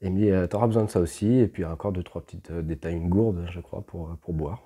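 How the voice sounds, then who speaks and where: A man's voice: sits low, fairly even intonation, fast, dark tone, slight background noise. A man telling a personal story at home in a casual, rambling way, with many fillers and restarts. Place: at home, with pets.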